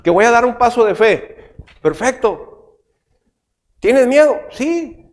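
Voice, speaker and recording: Man, middle-aged, pastor giving a sermon; lively, swinging delivery. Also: very high-pitched, takes it slowly. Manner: animated preaching, with frequent rhetorical questions.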